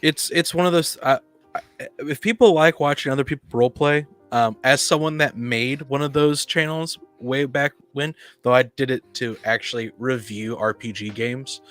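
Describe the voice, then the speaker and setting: On a casual podcast about tabletop roleplaying games, a male panelist gives blunt, opinionated takes, often stumbling and repeating his words. His medium-pitched voice is steady and a bit bright, at normal speed, with soft music in the background.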